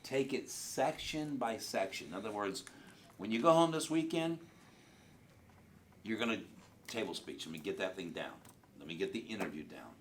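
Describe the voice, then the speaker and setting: A man's voice: on the low side, expressive, moderate pace, pauses often, slight background noise. A man giving a blunt, profane sales training talk to a group in a training room.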